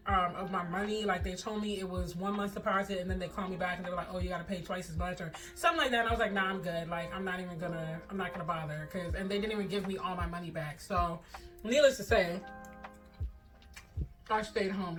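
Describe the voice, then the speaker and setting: A young woman vlogger chatting casually in a slangy, animated way, telling personal stories and giving advice, often acting out dialogue. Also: mid-range voice, far from the mic.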